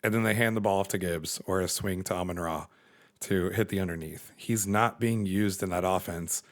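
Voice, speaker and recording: Energetic man co-hosting a podcast. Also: deep voice, moderate pace. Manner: energetic, laughs often. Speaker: podcast co-host. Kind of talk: casual chat.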